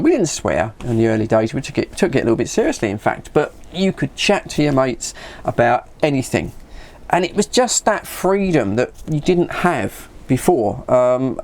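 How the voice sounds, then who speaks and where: A middle-aged man from the UK chats casually like a hobbyist vlogger, sharing anecdotes. His pitch bounces around in a lively, animated way, and he acts out both sides of remembered conversations, often repeating words.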